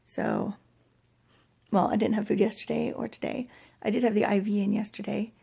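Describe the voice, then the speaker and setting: An American woman in middle age with a husky, breathy, gravelly voice, weak and achy after surgery, rambling hesitantly in a casual personal vlog. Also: mid-range voice, flat delivery, moderate pace, warm tone. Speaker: vlogger sharing surgery recovery. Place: hotel room.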